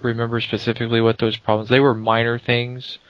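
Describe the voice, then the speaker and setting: A man's voice: medium pitch, monotone, fast, no room sound, lo-fi sound. A man co-hosting a casual gaming podcast in a jokey, giggly way. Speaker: podcast co-host.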